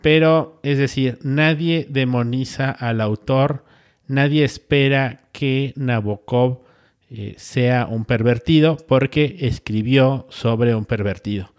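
A man hosting a podcast, talking casually and rambling with frequent pauses. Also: mid-range voice, smooth. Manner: rambling, with many filler sounds and restarts. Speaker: podcast host.

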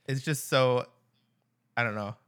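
A man's voice: medium pitch, smooth. A man co-hosting a podcast, chatting casually with lots of fillers and restarts. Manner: relaxed, halting, filler-heavy. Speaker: podcast co-host.

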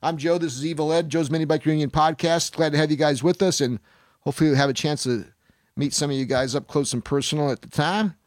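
Older male podcast host in his sixties: loose, rambling storyteller with a slightly raised pitch, close and dry. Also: fast, no room sound. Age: 60s. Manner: rambling storyteller, swears freely, acts out quotes. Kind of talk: casual podcast chat.

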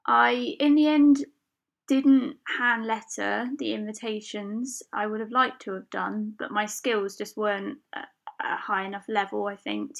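A woman's voice: medium pitch, gravelly, pushed and bright. A woman hosting her own podcast, talking in a chatty, personal way with small fillers and the odd laugh. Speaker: podcast host. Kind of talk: solo podcast monologue.

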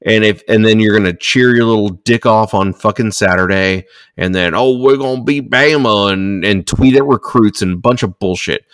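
Deep-voiced profane ranting man. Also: moderate pace, hardly any pauses, clean tone, dry recording, studio quality. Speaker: podcast co-host. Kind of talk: casual podcast rant.

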